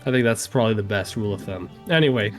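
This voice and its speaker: A man's voice: lowish voice, fast talker, faint music behind. A man co-hosting a game stream, chatting casually and reading viewer comments, rambling and laughing often. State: choking a little on a coffee bean. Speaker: streamer co-host.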